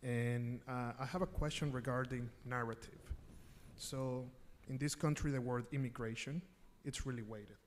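A young man from El Salvador, a graduate student, poses a question at a standing microphone. His voice sits at an ordinary pitch, and his delivery is deliberate and earnest. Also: fairly even intonation, slight background noise. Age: young adult. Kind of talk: audience question. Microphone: standing mic.

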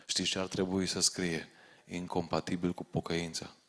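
Deep-voiced preacher. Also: male voice, flat delivery, fairly bright tone. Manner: urgent, direct warnings to the congregation. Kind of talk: sermon. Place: large church hall. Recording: long reverb of a church hall.

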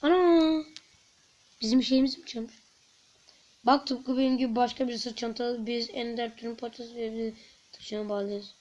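A woman commenting while playing a video game, chatting to her viewers and bursting into frustrated shouts. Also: fairly high pitch, steady tone, moderate pace, pauses often. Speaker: gaming YouTuber. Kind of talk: let's-play commentary.

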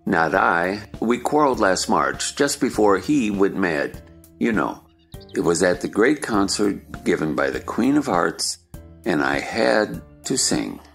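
A man playing an eccentric, argumentative Hatter in a stage play dramatization, with a slow theatrical drawl. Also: low-pitched, big pitch swings, gravelly, fairly bright tone, soft background music, heavily acted. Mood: knowing, argumentative. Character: eccentric, gloomy, argumentative Mad Hatter at tea.

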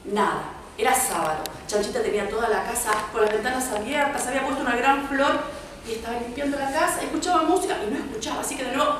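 A woman's voice: on the high side, distant mic. A woman with a Rioplatense Spanish accent, telling a story to children at a library and asking them questions as she goes. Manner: expressive, asks the children questions, puts on squeals for characters. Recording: echoey room recorded from afar, noisy.

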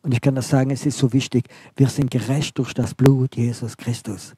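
Husky, warm-voiced male preacher. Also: mid-range voice, flat delivery, normal speed, dry recording, studio quality. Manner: emphatic, repeating short phrases, often dropping to quiet intensity. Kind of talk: sermon.

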